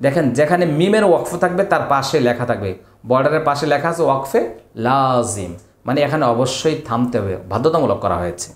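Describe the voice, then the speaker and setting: A man teaching Quran recitation. He spells out letters and vowel marks slowly, chants the verses, then explains the rules in quick asides. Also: mid-range voice, expressive. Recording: echoey room.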